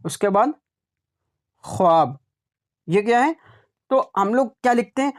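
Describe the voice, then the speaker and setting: A man teaching an online Urdu exam class, repeating example words slowly and checking in with "right?" as he explains. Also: extremely high pitch.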